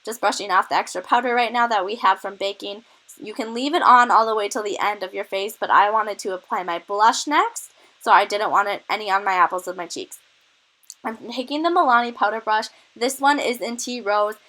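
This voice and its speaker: Bright-voiced woman with a cold, talking makeup. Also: medium pitch, brisk, low-quality recording. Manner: chatty, enthusiastic product tips. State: out of breath from a cold. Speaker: beauty vlogger. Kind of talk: makeup tutorial narration.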